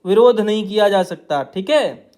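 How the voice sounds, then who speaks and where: A man's voice: high voice, animated, normal speed, a little mellow. A man teaching shorthand outlines, explaining each stroke in a patient, repetitive way while drawing on a tablet. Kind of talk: tutorial explaining steno outlines.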